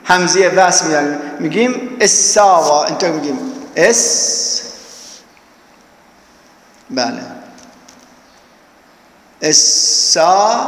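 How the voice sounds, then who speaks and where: A male teacher giving a classroom grammar lesson. He drills each verb form slowly, repeating it, and keeps asking the students whether they are following. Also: a little high, reverberant, big-room sound, rough recording. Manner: coaxing, checks students follow.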